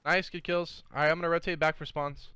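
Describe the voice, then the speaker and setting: A man's voice: a little high, little pitch movement, quick pace, pushed and bright, no room sound, studio quality. A young man streaming a team shooter on a headset, firing off urgent, repeated short callouts to teammates. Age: young adult. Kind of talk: live gaming callouts. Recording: clear background noise.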